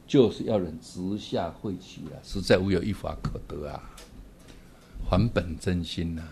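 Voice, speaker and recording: Husky-voiced man giving a dharma talk. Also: sits low. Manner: animated, often asks rhetorical questions. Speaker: Buddhist teacher.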